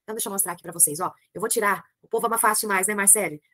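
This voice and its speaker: A woman's voice: medium pitch, racing, pushed and bright, dry recording. A Brazilian woman teaching a literature class, chatty and gossipy as she talks to her students. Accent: Brazilian Portuguese.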